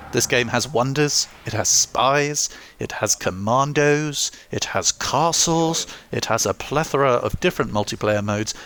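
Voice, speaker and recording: A young man talks through a scripted review of an old strategy game. His delivery is dry and self-mocking, with jokes dropped in flatly. Faint ambient noise sits behind his voice. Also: fairly low pitch. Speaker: gaming YouTuber.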